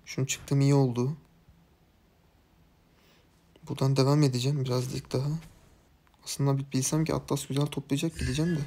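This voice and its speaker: A man's voice: mid-range voice, level tone, brisk, gravelly, long pauses, mellow. A man giving casual commentary over his own gameplay, muttering to himself and his team and venting his frustration with the game. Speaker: gaming YouTuber.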